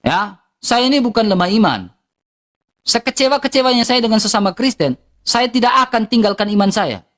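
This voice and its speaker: A woman's voice: fairly high pitch, lively intonation, brisk, a bit bright. A woman with an eastern Indonesian accent, ranting heatedly and bluntly to her livestream viewers, repeating herself for emphasis.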